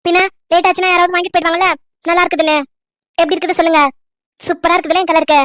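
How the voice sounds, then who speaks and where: A woman's voice: very high voice, little pitch movement, rapid-fire, fairly bright tone, no room sound, clean studio sound. A woman voicing a cheerful young village girl who chatters eagerly and coaxes her uncle in a cartoon love story. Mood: chatty. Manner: chatty, coaxing.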